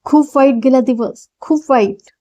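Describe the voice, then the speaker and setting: A woman's voice: high-pitched, measured pace, warm tone, muffled recording. A woman voicing a hurt, tearful young woman in an audiobook novel. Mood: upset. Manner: sorrowful, complaining.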